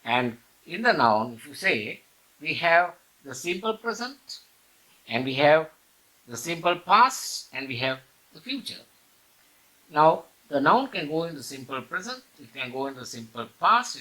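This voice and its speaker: A man teaching an English grammar lesson, explaining slowly and repeating key words, with the odd cough. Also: fairly high pitch, sing-song, bright, forceful tone, poor audio. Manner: occasional coughs and throat clearing.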